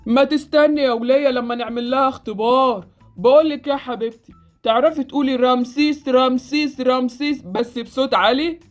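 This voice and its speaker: A woman voicing a gruff, bossy adoptive father with an Egyptian accent in a Roblox story. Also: high-pitched, fairly quick, faint music behind, natural voice. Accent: Egyptian Arabic.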